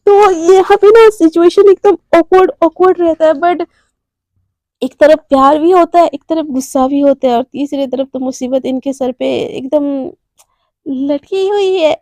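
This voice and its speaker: A woman's voice: sits high, measured pace, a little mellow, no room sound. A woman casually narrating a romance story, chatty, acting out the characters' lines herself.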